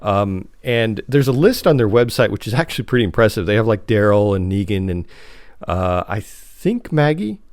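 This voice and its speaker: A man co-hosts a podcast, chatting casually about TV shows with the informal enthusiasm of a fan. His lowish, darkish voice is very animated and moves at a normal speed. The recording is studio quality, with no room sound.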